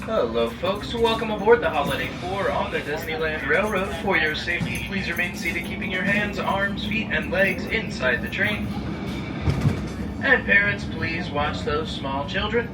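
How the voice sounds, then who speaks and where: Male train conductor over an outdoor train loudspeaker, high voice, heard from a distance through loud music. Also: normal speed. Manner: friendly, repeats safety requests. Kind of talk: safety announcement. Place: outdoor railway station.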